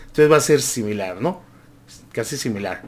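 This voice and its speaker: A man's voice: medium pitch, animated, a little mellow, slight background noise. A man teaching English pronunciation, repeating each word several times and growling long R sounds to show how they are made. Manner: growls drawn-out R sounds to demonstrate. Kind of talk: language lesson.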